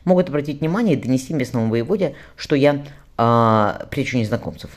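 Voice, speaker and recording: A man reading an audiobook, voicing a priest in his thirties who sounds gentle but is secretly cold and contemptuous. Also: medium pitch, animated, fairly quick, natural voice.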